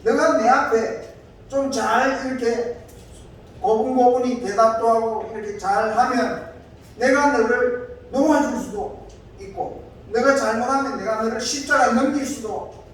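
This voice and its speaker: A domineering Roman governor barks his threatening questions, as a preacher puts him on. The voice sits high and pushes forward. It rings through a large echoing hall, picked up from well away from the mic. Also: takes it slowly, pauses often, a little mellow, a little hiss or hum. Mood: stern. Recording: echoey hall, distant mic.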